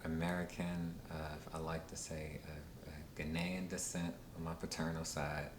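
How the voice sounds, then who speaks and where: A man in his thirties from Washington, D.C., being interviewed, talking unhurriedly with many pauses and fillers. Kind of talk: casual recorded interview. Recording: roomy, with steady low rumble.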